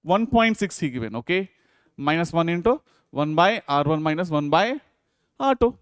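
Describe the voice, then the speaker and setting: Very animated yet keeping a moderate pace, this slightly high male voice sounds clear and resonant in a studio-quality recording with no room sound. He has an Indian accent and teaches physics through step-by-step exam problem walkthroughs, asking students repetitive check-in questions.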